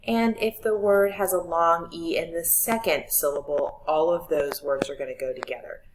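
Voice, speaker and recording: A woman's voice: lowish voice, normal speed, low-quality recording. Patient woman teaching a spelling lesson. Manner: clear, patient instructions to students. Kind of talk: recorded spelling lesson for children.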